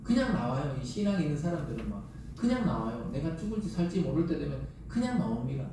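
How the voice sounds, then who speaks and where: A man's voice: fairly high pitch, big pitch swings, fast talker, background noise. A middle-aged man preaching a Sunday sermon, emphatic and full of rhetorical questions to the congregation. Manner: emphatic, rises and drops sharply for stress. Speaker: pastor. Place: church sanctuary. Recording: echoey church sound from a distant mic.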